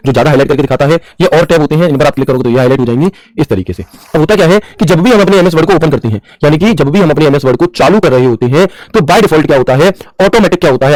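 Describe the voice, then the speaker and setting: A man's voice: a little high, darkish tone, no room sound, poor audio. A man teaching a computer class who mixes English terms into his talk and keeps asking the class questions and answering them himself. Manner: mixes English terms into Hindi, calls students bhaiya. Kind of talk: screen-share tutorial lesson.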